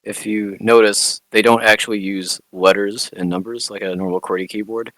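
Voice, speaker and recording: A man with a somewhat low voice co-hosts a casual film podcast. He explains details in a relaxed way and swears now and then. The recording is dry and close. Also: moderate pace, no room sound, low-quality recording. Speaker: podcast co-host.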